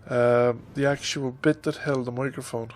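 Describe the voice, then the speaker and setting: At a normal speed and medium pitch, a slightly mellow man's voice keeps fairly even intonation, with a little hiss or hum behind it. He's a YouTuber from Ireland in his fifties with a stuffy nose from a head cold, rambling hesitantly with many ums in a casual vlog update at his stand-mounted desk microphone.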